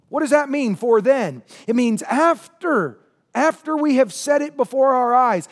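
Pastor, man, late thirties, higher-pitched voice; emphatic church sermon, conversational asides. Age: 30s. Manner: emphatic preaching with asides and laughter. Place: church sanctuary.

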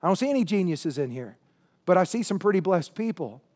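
High-voiced man in his thirties preaching. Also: sing-song, fairly quick, darkish tone. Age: 30s. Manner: emphatic preaching with asides and laughter. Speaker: pastor. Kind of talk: sermon. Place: church sanctuary.

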